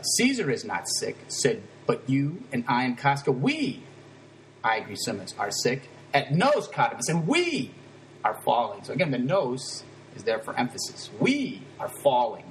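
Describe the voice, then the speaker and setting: A man's voice: mid-range voice, slight background noise, low-quality recording. A man teaching Latin, explaining a text line by line in a casual, conversational way. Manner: casual, conversational, breaks down grammar with quick asides.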